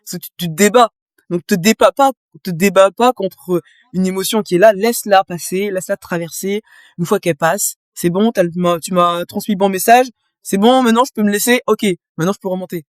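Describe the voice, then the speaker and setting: A woman's voice: mid-range voice, brisk, dry recording, studio quality. A woman guest in a casual interview, explaining her experience with vivid images and talking straight to the listener. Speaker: guest, business coach.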